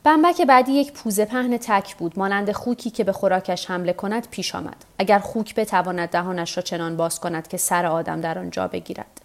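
A woman narrating a novel for a nightly story podcast in a calm, measured reading. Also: mid-range voice. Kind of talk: scripted narration of a translated novel.

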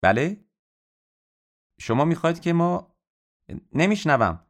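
A man voicing a brisk, businesslike middle-aged woman shopkeeper on the phone in an audiobook. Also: on the high side, sing-song, pitched above the performer's own voice. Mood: chirpy businesslike.

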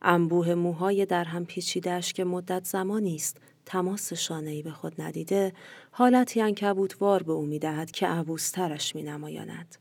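A woman narrates a short story in a calm, measured storytelling style. Her voice is low and mellow, and it is recorded close and dry. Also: breathy edge, no room sound. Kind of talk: scripted narration.

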